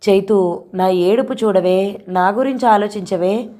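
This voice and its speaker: A young newlywed wife, hurt and pleading, pours out her complaints to a close friend, voiced by a woman reading an audio novel. Her medium-pitched voice stays close to an everyday speaking tone. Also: a little slow, mellow, close to an everyday voice.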